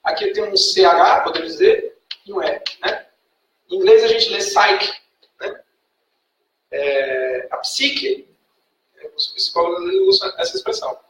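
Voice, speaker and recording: A Brazilian Portuguese-speaking man teaching a class, patiently quizzing students and checking in with a quick "tá?" after each point. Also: high-pitched, huge pitch swings, a bit bright, recorded from a distance, a little hiss or hum. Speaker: Greek language teacher. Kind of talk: classroom lecture. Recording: echoey classroom recorded from afar.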